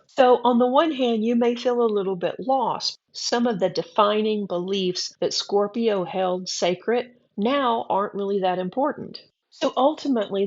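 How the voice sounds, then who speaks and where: A woman's voice: medium pitch, lo-fi sound. A woman reading a horoscope forecast, chatty and encouraging with a wry edge. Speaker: astrology reader.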